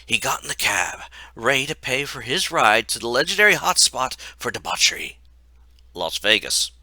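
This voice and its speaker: A man's voice: medium pitch, very animated, moderate pace, bright, forceful tone, dry recording. A man reading his own comic story aloud in a wry, mocking way.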